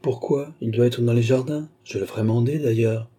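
A man reading an audiobook, voicing a gentle, devoted young noble lady in a softly lifted voice. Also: medium pitch, normal speed, husky, lightly acted. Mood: tender.

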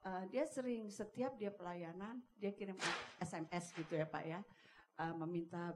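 A woman's voice: on the low side, moderate pace, very noisy. A woman in a congregation politely asking her pastor a question, hesitant and full of fillers.

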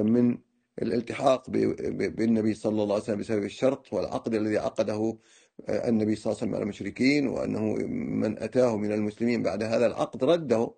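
Fast-talking gravelly man giving a lecture. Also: lowish voice, mellow. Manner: digressive, with frequent fillers and restarts. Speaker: religious lecturer. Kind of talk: first-person lecture recounting his studies.

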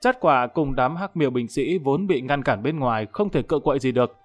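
A man's voice: medium pitch, expressive, brisk. Male audiobook narrator over faint music. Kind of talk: scripted dramatic story narration.

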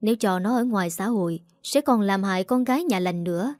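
A woman's voice: mid-range voice, expressive, brisk, a little mellow, no echo, clean studio sound, lightly acted. A woman voicing a firm, protective young man who talks persuasively. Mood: firm urging.

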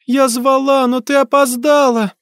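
A man's voice: very high voice, flat delivery, measured pace, clear, resonant tone, dry recording, clean studio sound, pitched above the performer's own voice. A man voicing the cruel, vengeful ghost of a young girl who shrieks and taunts. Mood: shrieking.

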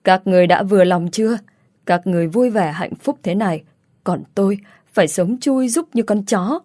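A woman's voice: mid-range voice, moderate pace, dark tone, dry recording, studio quality, close to an everyday voice. A woman reading the lines of a bitter, vengeful young woman with a sneering, taunting manner. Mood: unhinged.

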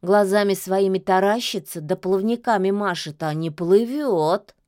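A woman's voice: mid-range voice, measured pace, darkish tone, no room sound, studio quality, close to an everyday voice. A woman voicing a grumpy, greedy talking tomcat in a fairy tale, grumbling and sulky.

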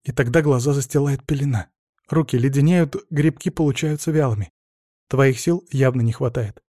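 Dark-voiced man reading a suspense novel. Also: medium pitch, normal speed, no echo, studio quality. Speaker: audiobook reader. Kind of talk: scripted narration.

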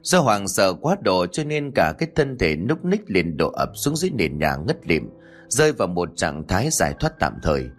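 A man with a lowish voice tells a scripted horror story, his pitch swinging widely as he builds the tension. Faint music plays beneath his narration. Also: normal speed. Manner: lively storytelling, voicing characters' quoted lines. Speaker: audiobook narrator.

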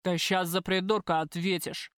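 A woman's voice: on the low side, flat delivery, moderate pace, a bit bright, no echo, clean studio sound, natural voice. Woman voicing a crude drunken male thug. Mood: menacing. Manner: rough, jeering.

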